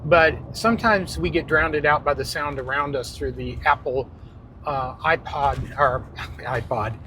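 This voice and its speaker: A man's voice: fairly high pitch, unhurried, sharp tone. A man hosting a casual podcast product review from inside a car, on a wireless microphone. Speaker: podcast host. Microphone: wireless clip-on microphone. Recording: noisy vehicle interior.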